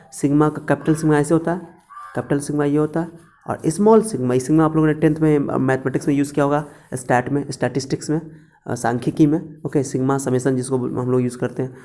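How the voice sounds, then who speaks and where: A man teaches in a relaxed classroom way, going over each point again and again. His voice is gravelly and dark, and he talks straight to his students as he works through the lesson. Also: mid-range voice, fast. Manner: repetitive, instructive, speaks directly to students. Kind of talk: casual classroom lecture.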